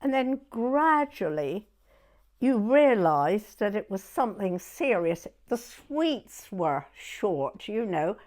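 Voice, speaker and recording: An elderly woman in her nineties from Dorset, England, speaks with a southern English accent at an ordinary pitch, slowly and with big pitch swings and a slightly mellow quality. As an oral history interviewee, she reminisces in a halting, conversational way, now and then checking that her listener is following her story.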